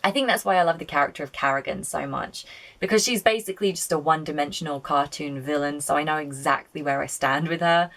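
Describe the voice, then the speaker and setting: Low-voiced woman, chatty film reviewer. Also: fast talker, fairly bright tone. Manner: chatty, opinionated, sweary. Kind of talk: casual video-essay film commentary.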